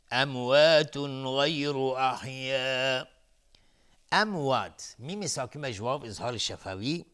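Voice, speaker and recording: A man's voice: lowish voice, fairly bright tone. Methodical male recitation teacher. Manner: methodical, repeats and drills pronunciation. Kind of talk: tajweed lesson explanation. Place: television studio.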